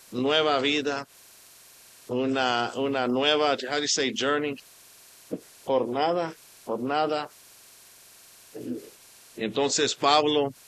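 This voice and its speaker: A man's voice: mid-range voice, bright, forceful tone. A man preaching a sermon, switching between Spanish and English and stopping to hunt for the right word. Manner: mixes Spanish and English, pausing to search for words. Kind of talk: bilingual sermon.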